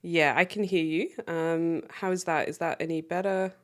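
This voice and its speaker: A woman with a low-pitched voice hosts a relaxed interview over a video call. The line cuts in and out as she talks. She rambles along with fillers and restarts. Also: normal speed. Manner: chatty, full of fillers and restarts. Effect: video call audio with dropouts. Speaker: podcast host. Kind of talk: casual interview chat. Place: in Australia.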